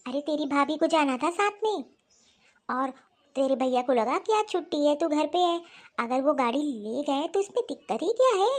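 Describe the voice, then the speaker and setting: Brief: woman doing a high-pitched, stubborn cartoon mother-in-law who brushes off complaints. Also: expressive, normal speed. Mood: dismissive. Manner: scolding, dismissive. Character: nagging middle-aged mother-in-law, stubborn. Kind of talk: cartoon voice acting.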